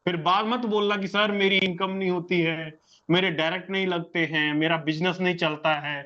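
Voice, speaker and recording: A man's voice: high voice, fairly even intonation, moderate pace, pushed and bright, dull audio. A man giving an online sales presentation, pushy and emphatic, repeating key points and calling the listener sir and brother. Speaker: business plan presenter.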